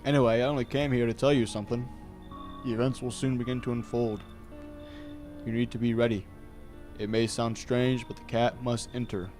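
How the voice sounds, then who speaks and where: A man voicing a calm, mysterious male fortune teller who talks slowly and cryptically. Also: medium pitch, faint music behind, close to an everyday voice. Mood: solemn, cryptic. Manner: slow, solemn, cryptic.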